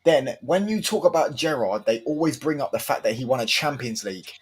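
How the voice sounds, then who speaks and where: A man in a heated casual debate, arguing forcefully and repeating himself to take the floor. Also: medium pitch, lively intonation, a little fast, a little hiss or hum. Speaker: stream panelist.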